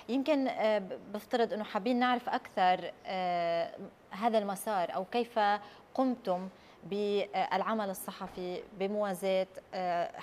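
A woman's voice: mid-range voice, a little hiss or hum. A woman in her thirties with a Levantine accent, hosting a studio interview with careful, hesitant phrasing. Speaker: news interviewer, host. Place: large TV news studio. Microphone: lapel.

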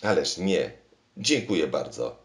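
A man's voice: very deep voice, big pitch swings, a little slow, darkish tone, pitched above the performer's own voice, full character voice. A man voicing an anxious, easily alarmed king who talks in fretful exclamations. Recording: roomy echo.

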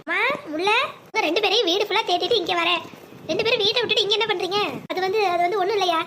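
Woman doing a young cartoon guy, protective big brother, reassuring, very high voice, brisk. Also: a bit bright, a little hiss or hum. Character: caring young adult son and elder brother.

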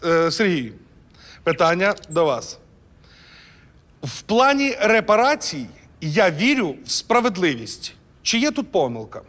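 A man's voice: sits high, big pitch swings, a little slow, pauses often, a bit bright. A man hosting a quiz show in a playful, jokey, theatrical way. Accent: Ukrainian. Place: TV studio with audience. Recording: studio with long reverb and audience noise.

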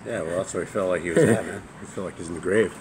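A man's voice: low voice, quick pace, a little mellow, slight background noise. A man talking casually while proofreading and checking text with a partner. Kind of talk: casual working chat.

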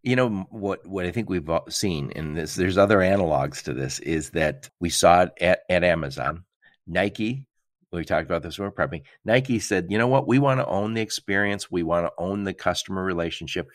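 Low-voiced chatty male podcast host. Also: brisk, no echo, clean studio sound. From Michigan. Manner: chatty, laughs often, acts out quotes. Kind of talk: casual interview chat.

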